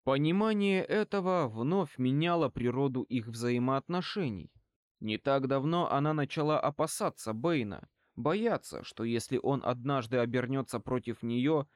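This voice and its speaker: A male audiobook reader narrates in an even, measured manner. His voice sits in a typical middle male range. The recording is dry and close, with no room echo. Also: medium pitch.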